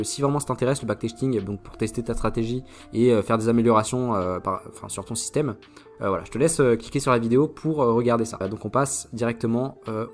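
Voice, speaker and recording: A young man casually walking viewers through trading tools, talking informally with many fillers and restarts. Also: mid-range voice. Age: young adult. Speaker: trading YouTuber. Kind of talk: casual screen-share product walkthrough.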